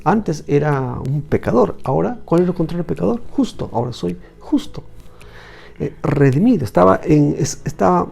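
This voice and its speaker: A man's voice: on the high side, lively intonation, moderate pace, vocal fry, a little mellow, slightly rough. A man teaching a Bible lesson in conversation, repeating phrases for emphasis.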